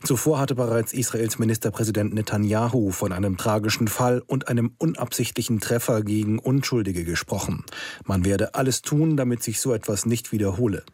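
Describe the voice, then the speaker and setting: A man reading a radio news report in an even, formal way. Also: fairly low pitch, fairly quick, breathy edge, no room sound.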